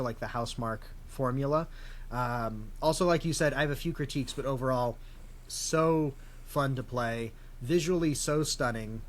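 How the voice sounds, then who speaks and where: A man's voice: mid-range voice, fairly bright tone. A man in his thirties from the United States, co-hosting a casual gaming podcast with dry, self-deprecating humor. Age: 30s. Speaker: podcast co-host. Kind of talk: casual chat. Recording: faint background noise.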